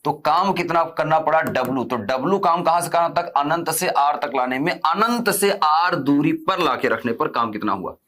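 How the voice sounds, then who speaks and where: Higher-pitched male physics teacher. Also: lively intonation, moderate pace, few pauses, a bit bright. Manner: asks students questions and answers them himself, repeats key terms; stern when telling students to stop chatting. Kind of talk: online class lecture.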